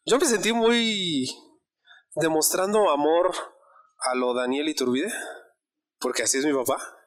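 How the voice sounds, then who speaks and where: A man's voice: fairly high pitch, unhurried. A man preaching a sermon, telling a personal story in a conversational way and asking the congregation questions.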